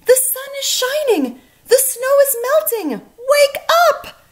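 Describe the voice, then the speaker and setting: A woman voicing an eager, bossy, cheerful frog friend from a children's storybook, with an excited manner. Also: very high voice, slow, voice pushed up, heavily acted. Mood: excited, calling. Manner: excited, calling out loudly.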